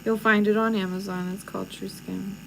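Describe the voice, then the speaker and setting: A woman's voice: medium pitch, level tone, fairly quick, vocal fry, noisy background. Frank, opinionated woman tattoo artist. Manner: frank, opinionated, laughs easily. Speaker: tattoo artist and channel host. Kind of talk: casual livestream chat while tattooing.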